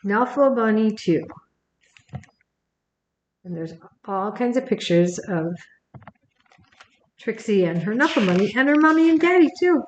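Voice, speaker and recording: An older woman, a grandmother, reading a picture book aloud on camera and gently talking to her grandchild between pages. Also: a little high, animated, measured pace, long pauses, reverberant, muffled recording, noisy background. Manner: gentle, talks to the child by name between pages. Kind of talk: recorded bedtime story reading.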